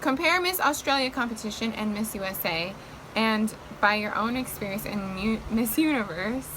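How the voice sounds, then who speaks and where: An American woman in her twenties hosting a casual, chatty interview in an informal, animated way. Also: on the high side, moderate pace. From United States. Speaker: host, pageant titleholder. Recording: clearly noisy background ambience.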